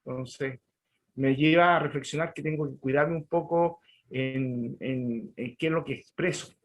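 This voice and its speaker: A man's voice: mid-range voice, unhurried. A man in a class sharing a personal experience, hesitant and searching for his words. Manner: hesitant, with many fillers and restarts. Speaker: student.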